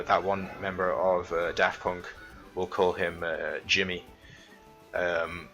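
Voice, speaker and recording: A man's voice: low-pitched, pushed and bright, muffled recording. A young man from the Isle of Man rambling through casual let's-play commentary, full of fillers and absurd made-up stories. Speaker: gaming commentator.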